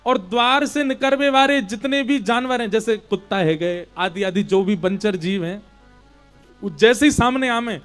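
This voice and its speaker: A man's voice: high voice, moderate pace, a bit bright, clean tone, faint music behind. A man preaching a devotional sermon, telling a story animatedly with rustic dialect words. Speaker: katha preacher.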